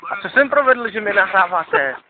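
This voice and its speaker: High-voiced rambling man, lo-fi outdoor recording. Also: animated. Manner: rambling, slangy, keeps saying "more". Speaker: interviewee. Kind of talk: rambling street interview. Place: outdoors at night. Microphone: handheld camera mic. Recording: lo-fi noisy handheld camera audio.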